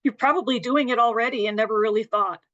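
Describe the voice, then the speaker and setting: A woman nursing educator presenting a webinar lecture in a steady, explanatory way, her voice a bit worn and throat-clearing. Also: fairly high pitch, quick pace, highs cut off. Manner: explanatory, steady, apologetic over glitches.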